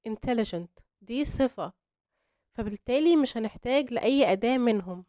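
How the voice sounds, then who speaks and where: A young woman with an Egyptian Arabic accent teaching English grammar to beginners, explaining step by step and slowing down on her examples. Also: fairly high pitch, expressive, mellow, dry recording, clean studio sound. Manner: patient, step-by-step explanation with slow spelled-out examples.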